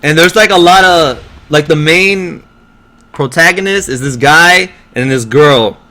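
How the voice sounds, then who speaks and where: Foul-mouthed high-voiced man ranting. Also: measured pace. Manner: profane, exasperated, animated storytelling. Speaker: streamer. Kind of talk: casual rant to a live stream.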